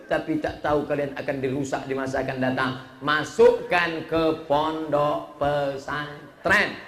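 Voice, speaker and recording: A middle-aged man, preaching a humorous sermon with lively storytelling and jokes. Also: on the high side, vocal fry. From Riau, Indonesia. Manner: joking, lively storytelling with acted-out quotes. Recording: echoey room.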